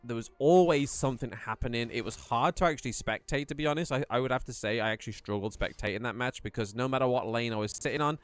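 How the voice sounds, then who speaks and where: A man casting a live esports match in a chatty, rambling play-by-play style that rises in excitement during fights. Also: mid-range voice, fast talker, hardly any pauses, smooth. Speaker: esports caster. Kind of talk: live play-by-play game commentary.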